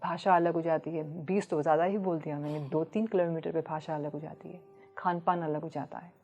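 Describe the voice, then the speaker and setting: Calm low-voiced woman explaining Buddhism. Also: faint music behind. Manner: measured, mixes English phrases into speech. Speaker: Buddhist nun, podcast guest. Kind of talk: calm explanatory podcast talk.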